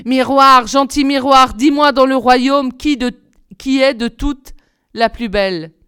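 A woman voicing a wicked queen disguised as an old peddler woman, shrill, theatrical and sneering, in a storybook reading. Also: a little slow, a bit bright, clean tone, no echo, clean studio sound. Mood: imperious.

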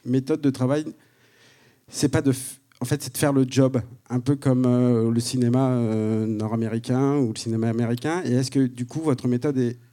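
A man co-hosting an onstage interview, asking long questions in a halting way with restarts. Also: medium pitch, fairly even intonation, mellow.

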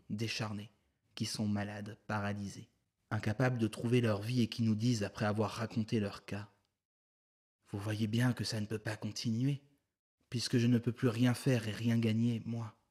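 A man's voice: on the low side, a little mellow, natural voice. A man voicing a polite, earnest male secretary guiding a visitor, courteous and explanatory.

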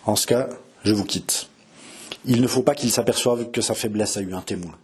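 A man voicing a humble, sorrowful woman who speaks with quiet, calm dignity. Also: lowish voice, moderate pace, slightly rough, pitched below the performer's own voice. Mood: dignified.

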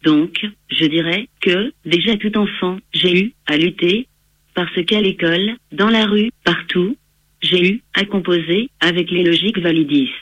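A male text-to-speech voice, clearly synthetic, reading out scripted interview answers in a chipper, computer-read manner. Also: high-pitched, measured pace, fairly bright tone, no echo, muffled recording. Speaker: interviewed activist and researcher.

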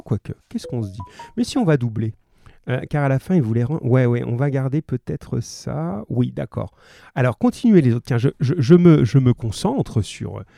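A male teacher reads a novel aloud and then talks a remote class through it. He is chatty and stops often to correct himself. His voice is dark and mellow, and the sound is dry. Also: mid-range voice, gravelly, dry recording. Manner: chatty, with hesitations and self-corrections.

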